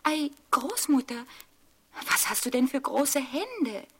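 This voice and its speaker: A woman's voice: high voice, big pitch swings, slow pace, a little hiss or hum, voice pushed up, heavily acted. A woman voicing a trusting, innocent little girl in a fairy tale. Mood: wondering.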